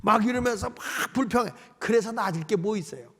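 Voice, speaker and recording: A middle-aged male pastor preaching a Friday night sermon, lively and animated, with playful imitated asides. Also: high voice, quick pace, slightly rough. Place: large church sanctuary. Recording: long hall reverb.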